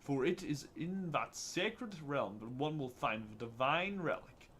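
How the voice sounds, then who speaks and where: Casting: an ancient tree spirit, male, grave and slow, with archaic phrasing and a bright, slightly high voice, read aloud by a man. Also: animated, slight background noise. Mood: solemn. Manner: slow, archaic, solemn recitation. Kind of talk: reading game dialogue aloud.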